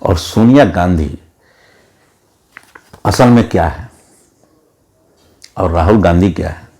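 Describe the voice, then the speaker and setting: A man's voice: deep voice, takes it slowly, a little mellow. A man giving an opinionated monologue as a political commentator, emphatic and lecturing, repeating words for stress.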